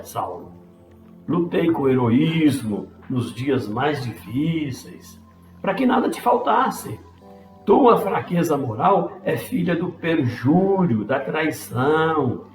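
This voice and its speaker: A man voicing a stern, formal older father who scolds and accuses his son, in a roomy space with faint music. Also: on the high side.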